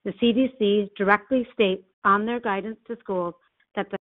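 A woman's voice: medium pitch, steady tone, normal speed. A woman in her forties, a mother and occupational therapist, earnestly making a public comment by phone. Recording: tinny phone line.

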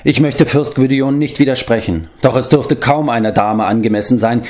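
A man voicing a gentle, proper older male companion who speaks in a mild, disapproving way. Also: medium pitch, normal speed, pitched above the performer's own voice, close to an everyday voice.

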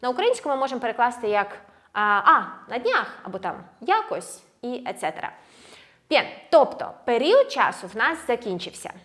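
A woman teaching Spanish grammar in a language lesson, alternating explanations with slowly drilled verb forms. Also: a little high, sing-song, a bit bright. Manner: switches between Ukrainian and slow, drilled Spanish words; clear, measured explaining with stressed endings.

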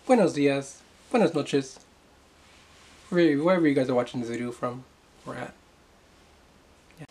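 A young man chatting casually to the camera in an excitable, rambling way. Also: mid-range voice, moderate pace, long pauses, breathy edge. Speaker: gaming YouTuber. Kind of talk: casual vlog chat.

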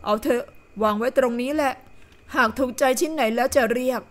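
A woman voicing a sharp-tongued young heroine in an audio novel, blunt and tart in how she talks. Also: high-pitched, brisk, natural voice. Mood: curt. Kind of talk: audiobook character voice.

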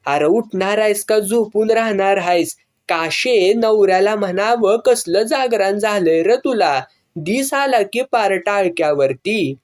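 A reader voicing a hot-tempered, rough male hunter who scolds in coarse village speech. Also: medium pitch, slow, darkish tone, lightly acted. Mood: scolding.

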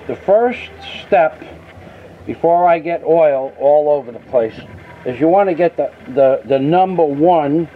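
A man patiently explaining a machine repair outdoors, step by step, recorded on a camera mic. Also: a little high. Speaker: mechanic demonstrating a repair. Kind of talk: casual how-to instruction. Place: outdoors beside heavy machinery. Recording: phone-like, faint outdoor noise.

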